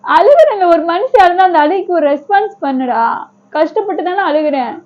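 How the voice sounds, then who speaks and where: Very high-pitched whiny young woman. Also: animated, lo-fi sound, slight background noise. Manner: whiny, drawn-out fake sobbing, repeats herself. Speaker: vlogger wife pulling a prank. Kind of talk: fake crying prank. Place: home, indoors.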